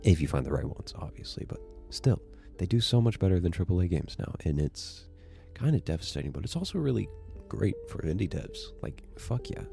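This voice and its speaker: A man narrating a casual video essay, excitable and swearing freely as he gushes. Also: low voice, brisk, vocal fry, soft background music. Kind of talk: casual enthusiastic commentary.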